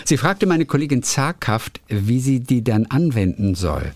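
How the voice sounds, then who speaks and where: A man's voice: mid-range voice, a little slow, dry recording. A man co-hosting a podcast, casually chatting and reading listener letters aloud with playful emphasis and frequent laughs. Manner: lively, laughs often, reads with playful emphasis.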